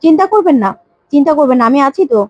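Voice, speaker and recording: A woman's voice: high-pitched, animated, racing, warm tone, no echo, muffled recording. A woman voicing a confident man who promises to find the fugitive, in a retold serial story. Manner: confident, reassuring.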